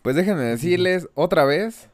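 A man's voice: sits high, animated, a little slow, dry recording, studio quality. A young Mexican man hosting a casual quiz among friends, teasing them and adding sing-song sound effects. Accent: Mexican Spanish. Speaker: quiz host.

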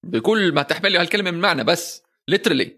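A man's voice: high voice, lively intonation, quick pace, sharp tone. A man with a Levantine Arabic accent chatting casually about films as a co-host, mixing English phrases into his Arabic. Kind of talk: casual film discussion.

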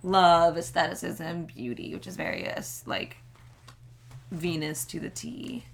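A woman's voice: lowish voice, fairly even intonation, a little slow, vocal fry. A woman chatting casually on a podcast, rambling and full of "like", who is losing her voice and laughs often. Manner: rambling, peppered with "like". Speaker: podcast co-host. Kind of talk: casual chat.

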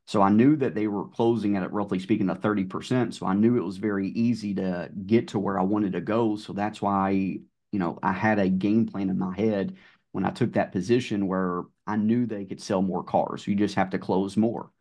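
A middle-aged car sales manager, appearing as a podcast guest, speaks at normal speed in a fairly low voice with a Southern drawl. He tells stories in a relaxed, casual way, often saying "um" and "you know".

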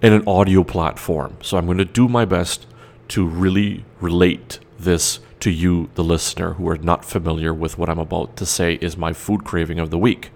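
A man's voice: deep voice, steady tone, normal speed, vocal fry, darkish tone. A man hosting a casual solo radio show, with an emphatic way of repeating phrases. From Trinidad. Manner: slight twang.

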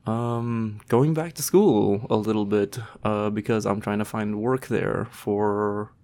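A young man co-hosting a podcast in casual, halting, slangy talk with some swearing. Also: fairly low pitch, steady tone, a little mellow. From Toronto, Canada. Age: young adult. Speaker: podcast co-host. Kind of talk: casual chat.

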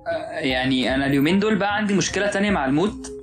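A man's voice: a little high, animated, racing. A man with an Egyptian accent in casual chat, musing philosophically and often restarting his sentences, with music playing underneath.

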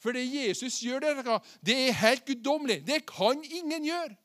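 A male preacher giving a sermon, with a voice that sits very high for a man. He keeps stopping to put questions to his listeners before he answers them himself. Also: lively intonation, a bit bright. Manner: asks the listeners questions and acts out the quoted words.

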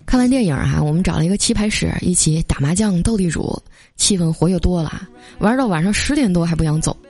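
A woman's voice: lowish voice, fast talker. A young woman hosting a podcast, reading funny everyday anecdotes in a chatty storytelling manner, with light music underneath. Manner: chatty storytelling with lively quoted voices. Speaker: podcast host.

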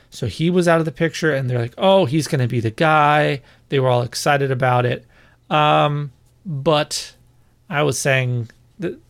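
A man giving an opinionated fantasy football breakdown in a casual, conversational monologue, correcting himself as he goes. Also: mid-range voice.

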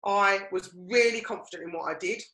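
A woman's voice: medium pitch, a little fast, pushed and bright. A middle-aged woman with an Essex accent, co-hosting a podcast and telling personal stories in a conversational way. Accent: Essex English. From Romford, Essex, England. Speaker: podcast co-host. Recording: roomy, echoey sound.

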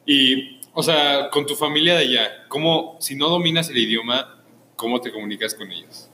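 Bright-voiced man, echoey room. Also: medium pitch, moderate pace, a little hiss or hum. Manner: chatty and encouraging, says "qué padre" a lot. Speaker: interviewer. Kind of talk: casual interview.

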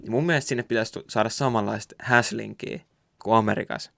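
Young guy rambling on a podcast, low gravelly voice, swears a lot, dry close sound. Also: a bit bright, no echo. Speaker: podcast co-host. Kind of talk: casual chat.

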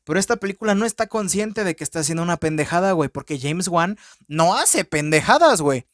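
A man with a Mexican Spanish accent hosting a low-budget podcast, reviewing a film in a crude, profane, joking way. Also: lively intonation, fast talker, dry recording, clean studio sound. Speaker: podcast host. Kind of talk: casual film review rant. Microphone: podcast microphone.

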